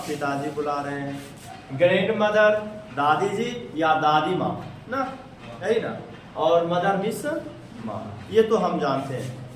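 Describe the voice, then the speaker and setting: A man's voice: sits high, recorded from a distance, slight background noise. A man with a Bihari accent teaching English to a class, asking his students questions again and again. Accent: Bihari Hindi. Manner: quizzing students with repeated questions. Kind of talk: classroom lesson. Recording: echoey classroom, voice from across the room.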